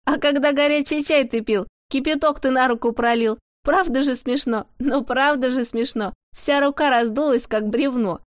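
A woman's voice: sits high, normal speed, hardly any pauses, dry recording, studio quality, close to an everyday voice. A woman voicing a gleeful joker who recites a teasing rhyme. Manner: sing-song, gleeful.

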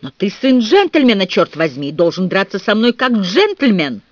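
A man's voice: high-pitched, very animated, moderate pace, dry recording, highs cut off, voice pushed up. A man playing a proud army captain who speaks in a haughty, formal way. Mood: indignant.

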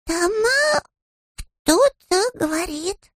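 A man voicing a small, polite young male bear who is earnest and naive, in a squeaky, innocent way. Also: big pitch swings, very slow, a bit bright, no echo, studio quality, heavily acted.

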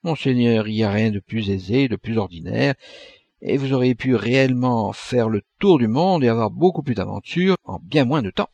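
A man reading an audiobook, voicing a calm good genie and valet who explains things patiently and deferentially. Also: medium pitch, moderate pace, gravelly, dry recording, dull audio. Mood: reasoning.

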